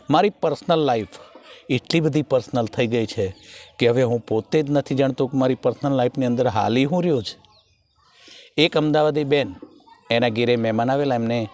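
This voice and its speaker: A man with a Kathiyawadi Gujarati accent doing stand-up folk comedy, acting out the characters in his jokes. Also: mid-range voice. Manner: animated joke-telling, acting out characters' lines.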